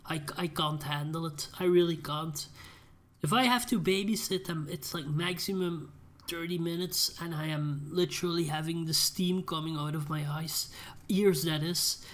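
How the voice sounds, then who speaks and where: Rambling young gamer. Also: male voice, fairly high pitch. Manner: rambling, ranting asides. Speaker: gaming channel host. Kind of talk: casual gameplay commentary.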